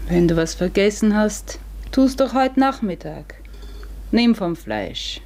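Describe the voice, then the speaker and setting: A German radio drama features an actress as an anxious middle-aged farmer's wife keeping secrets, her delivery husky, hushed and halting. Her mid-range female voice is animated, yet the mood stays calm and plain.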